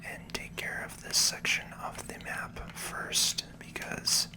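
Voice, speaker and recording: This is slow, soft-spoken ASMR: a whispering narrator describes each step of a video game as they play through it.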